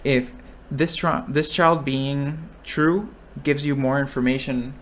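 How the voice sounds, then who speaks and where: Slow and fairly even in intonation, a young man's mid-range, fairly bright voice explains a probability lesson as a recitation instructor. He reasons aloud with restarts and checks in with listeners, and slight background noise is audible.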